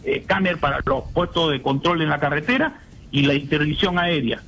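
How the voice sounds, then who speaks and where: A man's voice: on the high side, normal speed, fairly bright tone, slight background noise, low-quality recording. An older man, a retired general, speaking indignantly as a radio guest and firing off rhetorical questions. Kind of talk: phone-in radio interview.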